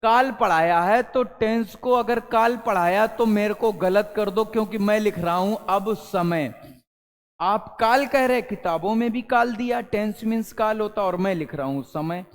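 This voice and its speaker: A man's voice: sits high, measured pace. A man teaching an English lesson at a board, calling his viewers children and answering his own questions. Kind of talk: classroom lesson at a whiteboard. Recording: long hall reverb.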